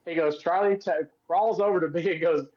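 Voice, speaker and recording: A man's voice: on the high side, fairly quick, highs cut off. A man co-hosting a podcast, telling stories in a casual chat and acting out the voices of people he quotes. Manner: animated, acts out quoted voices. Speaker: podcast co-host, former wrestler.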